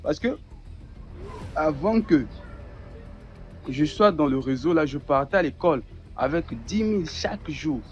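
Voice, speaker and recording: A man's voice: fairly high pitch, lively intonation, unhurried, pauses often, faint music behind. A young man telling a personal testimony, repeating words and acting out the dialogue as he goes. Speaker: guest giving a testimony. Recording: dull lo-fi recording.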